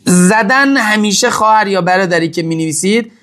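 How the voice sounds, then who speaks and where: High-voiced man, emphatic and repetitive. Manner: emphatic, repeats phrases for stress, swings between loud and hushed. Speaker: religious-political speaker answering audience questions. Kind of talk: impassioned casual talk to an audience.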